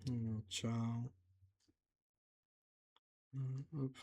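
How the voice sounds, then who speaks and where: A man's voice: mid-range voice, level tone, drawn-out words, darkish tone, a little hiss or hum. A young man vlogging his language practice, talking casually and hesitantly as he writes. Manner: hesitant, thinking aloud while writing. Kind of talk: casual learning vlog. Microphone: camera set on the desk.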